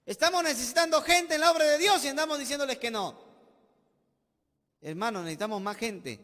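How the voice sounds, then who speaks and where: A Peruvian man preaching from the pulpit in a strikingly high voice. He drives his points with rhetorical questions and sudden loud bursts. The sanctuary gives him a long, ringing reverb. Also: lively intonation, fairly quick. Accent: Peruvian Spanish. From Peru. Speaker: pastor. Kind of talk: sermon. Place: church sanctuary.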